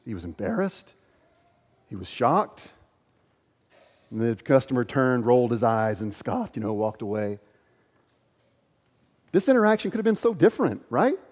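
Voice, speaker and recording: A man's voice: medium pitch, a little mellow, long reverb tail. A man preaching a sermon as pastor, earnest and questioning, reading scripture aloud.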